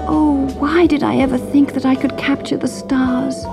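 A woman voicing a spoiled young princess who speaks in a high, petulant, sulky way, reading a storybook. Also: very animated, measured pace, full character voice. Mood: remorseful. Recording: music playing behind.

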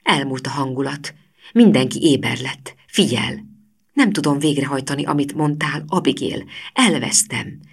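A woman's voice: a bass voice, animated, husky, heavily acted. A woman voicing a frightened schoolgirl's whispered inner thoughts. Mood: despairing. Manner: hushed, half-whispered.

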